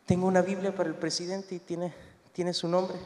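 High-voiced young man telling a story. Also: a little fast. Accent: northern Mexican. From Mexico. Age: young adult. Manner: animated, acts out quoted voices. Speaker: pastor giving a talk. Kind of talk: storytelling talk. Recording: echoey hall.

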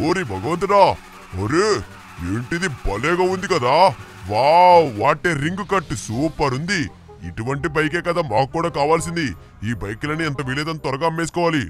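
A man playing a flattering, boastful middle-aged bike dealer uncle in a video game. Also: on the high side, close to an everyday voice. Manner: boastful, haggling, effusive thanks. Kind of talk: game play-along voicing.

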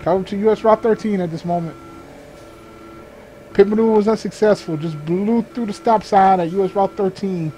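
Speaking at normal speed in a high, mellow voice, a man improvises police radio call-outs during a game, moving between clipped procedural jargon and casual muttered asides. He's a gamer playing a sheriff's deputy in a patrol role-play. There's slight background noise, with game vehicle and ambient sounds behind him.

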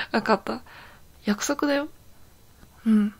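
A woman's voice: on the high side, expressive, extremely slow, breathy edge, exaggerated voice. A woman playing a young, possessive yandere girlfriend in an intimate role-play audio drama, sounding sweet, clingy and eerily obsessive.

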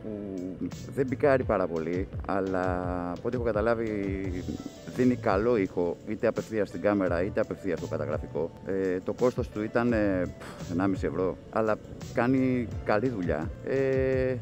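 A man's voice: lowish voice, over music. A man with a Greek accent chatting in a loose, rambling way while riding his motorcycle at night, talking into a small recorder mic inside his helmet. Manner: rambling, self-mocking, full of fillers. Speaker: motovlogger. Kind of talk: casual chat while riding. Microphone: external recorder mic inside a helmet.

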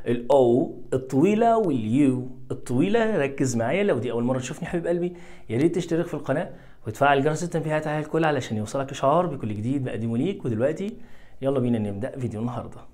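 A man with an Egyptian Arabic accent teaching children English phonics, energetic and coaxing, repeating each sound and word over and over. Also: medium pitch, rapid-fire.

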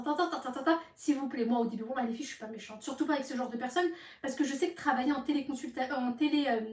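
A young woman telling her followers about phone calls in a casual, animated way, acting out the other side of each call. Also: sits high. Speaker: live streamer talking to her followers. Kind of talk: casual storytelling to viewers. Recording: echoey room, voice from some distance.

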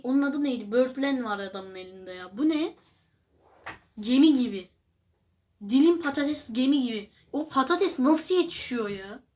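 A young woman hosting a casual reaction video, rambling and exclamatory as she talks straight to her viewers. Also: a little high. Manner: chatty, rambling, exclamatory, addresses viewers as friends. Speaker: video host reacting to clips.

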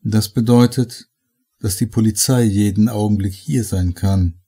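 A man voicing a worried servant in a horror audiobook, speaking hushed and urgent. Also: lowish voice, fairly even intonation, a little slow, slightly rough. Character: nervous male servant in a death mask. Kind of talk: audiobook character voice.

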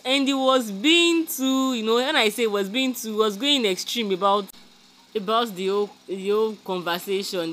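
A host with a medium-pitched, pushed and bright voice gives a chatty, casual gossip recap of a reality show, speaking directly to viewers, calling them "guys" and using lots of fillers.

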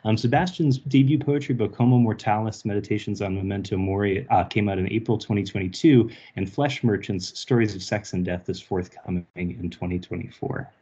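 A man hosting a reading over a group voice chat. He introduces readers in a halting way with many ums and restarts. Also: fairly low pitch, fairly even intonation, dark tone, husky, highs cut off. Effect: heard over a group voice chat. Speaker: host of a reading series.

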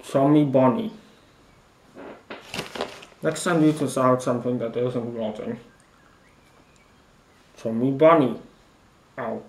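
A man's voice: mid-range voice, steady tone, slow, long pauses, a little hiss or hum. Young man talking with his mouth full. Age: young adult. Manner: mouth full, muffled chewy speech. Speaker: challenge vlogger. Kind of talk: casual challenge chat to camera. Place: bedroom, indoors. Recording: echoey small room.

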